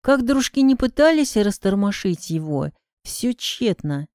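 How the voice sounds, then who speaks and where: A woman with a warm, mellow voice reads a detective story aloud in the first person, keeping a steady, measured storytelling pace. The recording is dry and close, with no room sound around her. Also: mid-range voice, dry recording. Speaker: audiobook narrator. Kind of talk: first-person audiobook narration of a detective novel.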